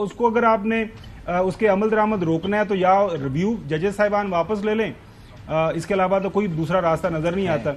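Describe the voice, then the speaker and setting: A man hosting a television current affairs discussion, briskly handing questions to his panelists. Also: high-pitched, a little hiss or hum. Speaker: talk show host.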